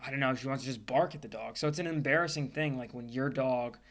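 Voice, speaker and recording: A man's voice: medium pitch, fast talker, creaky, fairly bright tone. Laid-back man rambling on a podcast. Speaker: podcast co-host. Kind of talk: casual chat.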